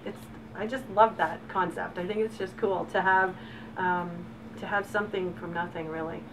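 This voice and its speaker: A woman's voice: on the low side, fairly even intonation, normal speed. A middle-aged woman who owns a farm, telling the story of her farm in a chatty, enthusiastic interview with lots of fillers. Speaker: farm owner. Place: outdoors on a farm. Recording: distant mic with background noise.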